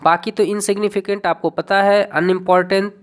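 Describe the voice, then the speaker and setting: A woman's voice: mid-range voice, fairly even intonation, a little fast. A woman teaching an online English exam-prep lesson, explaining rules step by step and spelling words out letter by letter.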